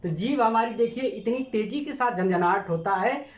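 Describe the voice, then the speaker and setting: A man's voice: sits high, expressive, roomy sound. A man teaching a grammar lesson, asking questions and answering them himself, stretching out key terms as he repeats them. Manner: drawn-out emphatic repetition of terms.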